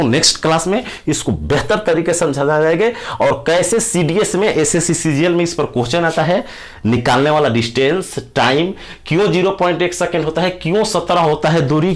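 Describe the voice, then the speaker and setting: A man teaching a physics lesson to exam students, explaining with everyday examples and repeating key words. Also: a little high. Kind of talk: classroom lecture for exam students.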